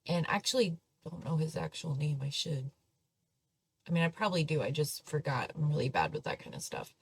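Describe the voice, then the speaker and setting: A woman's voice: deep voice, very animated, a little fast, vocal fry, breathy edge. Chatty, dismissive woman host. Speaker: commentary channel host. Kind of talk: casual commentary.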